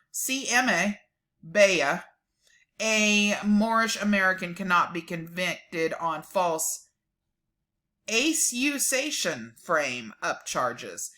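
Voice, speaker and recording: A woman reads a document dramatically and deliberately, her emphatic delivery broken by casual, sardonic asides. Her voice is medium in pitch with a sharp tone.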